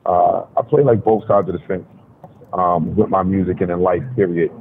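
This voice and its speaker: Deep-voiced New man over the phone. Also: fairly even intonation, moderate pace, husky. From Brooklyn, New York. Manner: laid-back, confident, many fillers. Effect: heard over the phone. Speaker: rapper, guest calling in. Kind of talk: casual radio interview over the phone. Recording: tinny phone line, faint noise.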